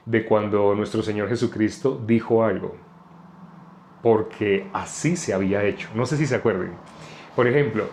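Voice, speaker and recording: A man's voice: medium pitch, a little mellow. Guy preaching, chatty, keeps asking the folks listening stuff, normal mid voice. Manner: conversational, asks the listeners questions. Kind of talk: informal sermon on a live stream.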